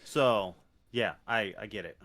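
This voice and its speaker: A man with a low voice and a bright, forceful edge chats as a podcast co-host. He is easygoing and swears casually in conversation. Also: measured pace, dry recording, clean studio sound. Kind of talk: casual chat.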